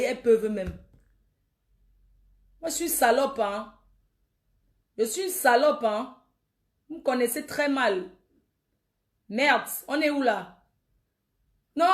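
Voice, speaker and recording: A woman, ranting defiantly and taunting her critics on a Facebook live video. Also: high voice. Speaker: social media livestreamer.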